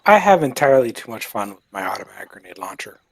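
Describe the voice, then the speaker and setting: A man talking over a multiplayer game, laying out rules in a wry way. His pitch rises and falls a lot as he speaks. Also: very animated, quick pace, vocal fry. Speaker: gamer on a stream. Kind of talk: casual chat while gaming.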